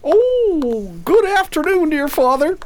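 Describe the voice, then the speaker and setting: An innocent, polite pumpkin-headed fellow, voiced by a woman, high and very swoopy. He is childlike and deferential, in audio drama style. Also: sing-song, slow, full character voice.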